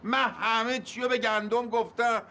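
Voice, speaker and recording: A pushy, sweet-talking landlord. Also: male voice, very high voice, steady tone, sharp tone, heavily acted. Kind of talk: TV drama acting. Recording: noisy background.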